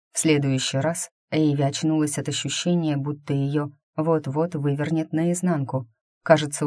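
A woman narrates a fantasy novel in a measured, steady way. Her voice is low and mellow. The recording is dry and close, with no room sound. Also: no echo. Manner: even, measured storytelling. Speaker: audiobook narrator. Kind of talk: scripted narration.

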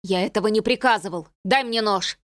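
A woman's voice: medium pitch, brisk, no echo, clean studio sound, natural voice. A woman reading the part of a commanding young king in an audiobook. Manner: sharp, commanding.

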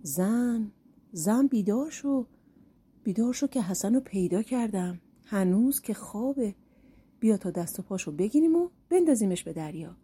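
A woman voicing a sly, glib bald young man who tricks people, read in a storybook with a dark, husky voice. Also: mid-range voice, lively intonation. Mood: scheming. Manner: cheeky, glib, scheming. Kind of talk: storybook narration.

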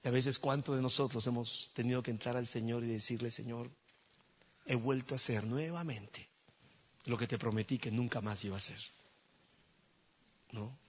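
A man preaching a sermon in a church, telling a story dramatically and swinging between loud exclamations and hushed near-whispers. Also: medium pitch, steady tone, normal speed, long pauses, husky, dull audio.

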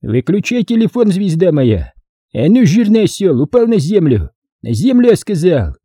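A man reading an audiobook voices a tough commander who gives loud, blunt orders in a raised, husky voice. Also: sits high, huge pitch swings, normal speed, no echo, clean studio sound, voice pushed up, exaggerated voice. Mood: barking.

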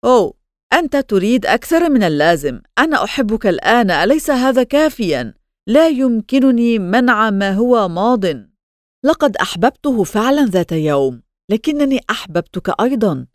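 A woman's voice: medium pitch, very animated, brisk, darkish tone, dry recording, studio quality, close to an everyday voice. Audiobook: torn, distressed young wife, shaky pleading tone, woman narrator voices her.

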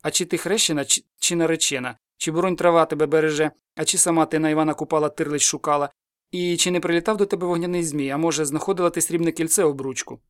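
An old village witch in a storybook, muttering her eerie spells and memories in one unbroken, breathless stream, as a man reading the tale puts her on. The voice sits a touch higher than usual and runs quickly, with a loud, dry, close sound. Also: fairly even intonation, no room sound, close to an everyday voice. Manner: breathless muttering incantatory ramble.

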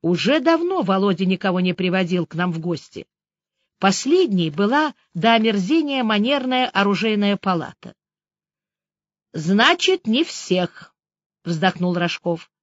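A woman narrating a story in the first person, reading in a lively, expressive way. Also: medium pitch, moderate pace, no echo. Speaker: audiobook narrator. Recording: dry, slightly dull audiobook recording.

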